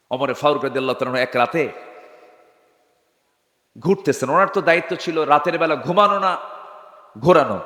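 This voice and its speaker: A man preaching an impassioned waz sermon. He builds to high shouted peaks and calls out for crowd responses. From Bangladesh. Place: large open-air sermon gathering. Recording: echoey hall-like PA reverb.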